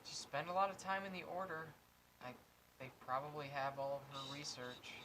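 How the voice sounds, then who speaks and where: A woman playing a tabletop game, talking quickly and asking questions, often trailing off mid-thought. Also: deep voice. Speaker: player. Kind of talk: casual tabletop play. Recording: noisy stream audio.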